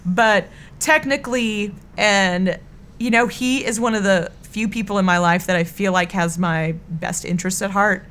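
On a casual radio interview, a middle-aged Texan woman who sings talks as the guest, rambling in an earnest, effusive way with her Texan accent. She speaks at normal speed in a mid-range voice with a fairly bright tone.

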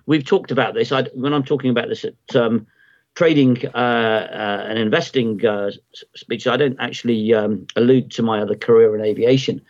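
A man talks as a podcast guest, explaining ideas at length and circling back with plenty of ums and false starts. His voice sits at an ordinary middle pitch. The audio is a little dull and lo-fi, like a remote call. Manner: rambling, many ums and restarts. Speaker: podcast guest, market timing analyst. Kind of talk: conversational explanation.

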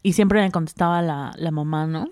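A young woman with a Mexican accent, co-hosting a casual podcast chat and telling a personal story with animated delivery and frequent laughter. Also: low voice, normal speed, no echo, studio quality. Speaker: podcast co-host.

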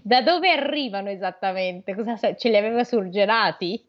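A woman's voice: medium pitch, moderate pace, lo-fi sound. A woman reading a fairy tale aloud in a podcast, breaking off to joke and quiz her co-host playfully.

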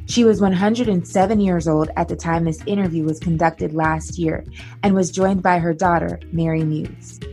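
A woman news presenter reading a scripted report in a measured, even way. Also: lowish voice.

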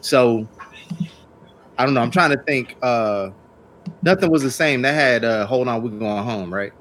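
Reflective man thinking out loud. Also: mid-range voice, a little slow. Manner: reflective, hesitant, thinking aloud. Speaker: podcast co-host. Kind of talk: casual chat.

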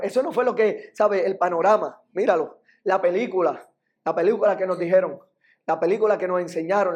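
Preacher guy, high voice, fired up, keeps telling the church to repeat stuff. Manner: energetic, calls on the congregation to repeat phrases. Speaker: pastor and preacher. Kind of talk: sermon.

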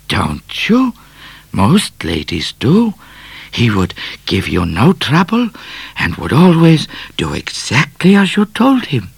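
A sly, superior Siamese tomcat, voiced by a man reading aloud, speaking with smooth storybook courtesy. He talks slowly, with a lilting, lively swing. The sound is close and dry. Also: medium pitch, no echo, voice pushed up, heavily acted. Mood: sly courtly. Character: suave superior male Siamese cat, courtly.

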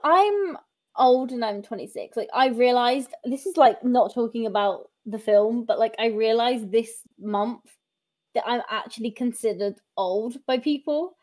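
A podcast host in her twenties chats casually in a fairly high, slightly mellow voice, speaking a little slowly. She's talkative, laughs often and trails off into fillers.

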